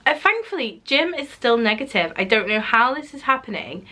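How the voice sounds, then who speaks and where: A woman with a slightly high voice, wide pitch swings and a bright, forceful tone talks at normal speed, vlogging her weekly weigh-in from a home office. She sounds a bit nasal while recovering from illness, and her chatty, rambling delivery is full of ums and restarts.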